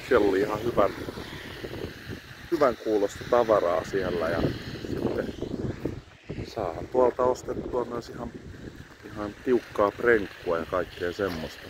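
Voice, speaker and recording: A man's voice: fairly low pitch, long pauses, background noise. A man, reviewing a restaurant from a parked car, rambling and correcting himself as he hands out scores. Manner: rambling, self-correcting, scoring dishes out of five. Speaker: food reviewer vlogger. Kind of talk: casual review vlog. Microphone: phone camera on the dashboard.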